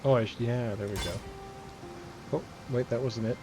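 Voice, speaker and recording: A man's voice: mid-range voice, fairly even intonation, moderate pace, over music. A man streaming a video game, chatting casually and laughing easily with his friends. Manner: easygoing, laughs often. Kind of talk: casual gaming chat.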